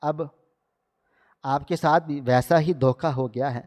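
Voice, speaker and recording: A man voicing a calm, firm young man in a wheelchair in a storybook narration, with long hall reverb. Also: on the high side, natural voice. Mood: reproachful. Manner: firm, reproachful.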